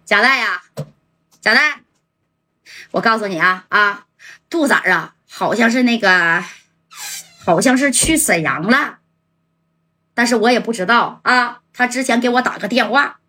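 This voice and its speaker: A worried middle-aged boss, as a woman storyteller puts him on confides news in a halting way. He speaks in a bright, husky voice. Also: fairly high pitch, animated, heavily acted. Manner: hesitant, confiding.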